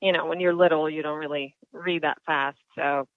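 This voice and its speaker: A woman's voice: low voice, fairly even intonation, moderate pace, dry recording. Hesitant woman on a phone line. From Sweden. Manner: hesitant, with many ums and light laughs. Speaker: guest actress. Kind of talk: interview answers.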